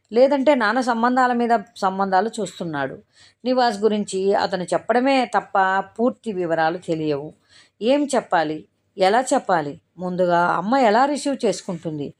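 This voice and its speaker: A woman's voice: lowish voice, moderate pace, close to an everyday voice. A woman narrator voicing a scared, guilt-ridden young woman who talks timidly and falters. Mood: anxious musing.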